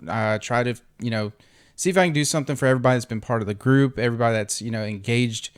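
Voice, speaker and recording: A man with a clean, smooth voice at a middling pitch makes an informal giveaway announcement as an online group host. His delivery is unscripted and halting, like casual talk to members.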